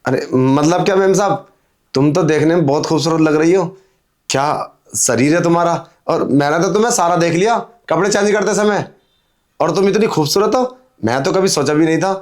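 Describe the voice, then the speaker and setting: A man's voice: on the high side, moderate pace, close to an everyday voice. A man playing a pushy young milkman who wheedles and insists in a melodramatic drama. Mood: leering. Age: young adult.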